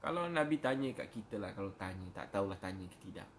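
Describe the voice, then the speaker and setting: A man's voice: lowish voice, lively intonation, fast talker, slight background noise. A middle-aged man preaching an emotional sermon in a Malaysian Malay accent, pleading and breaking into prayers.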